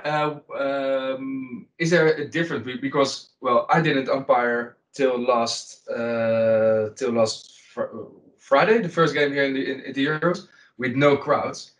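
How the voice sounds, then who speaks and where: A man, himself an umpire, interviewing a colleague in a friendly, joking way with halting, restarted questions. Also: medium pitch, steady tone. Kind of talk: casual interview. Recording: roomy, echoey sound.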